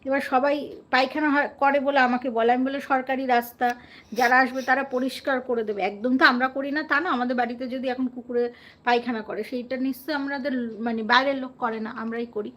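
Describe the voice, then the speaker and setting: A woman from West Bengal with a high-pitched, fairly bright voice chats loosely with her live-stream viewers. Earnest and talkative, she speaks a little fast in a steady tone and keeps tossing questions to her audience along the way.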